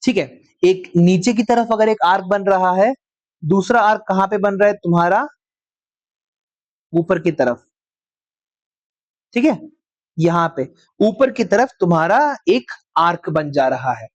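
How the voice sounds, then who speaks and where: A man teaching a maths class, dictating slowly word by word and often checking whether the students follow. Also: sits high, animated, no echo, rough recording. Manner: slow dictation word by word, checks with frequent questions. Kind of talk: live class lecture.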